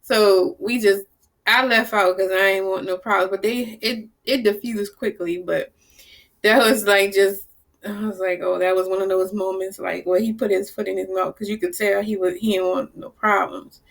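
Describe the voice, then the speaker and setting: A woman talking casually to camera, telling stories in a lively, blunt way and acting out the people she quotes. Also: medium pitch, normal speed, vocal fry. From New Orleans, US South. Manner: animated storyteller, acts out quoted people, blunt and salty. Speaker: vlogger.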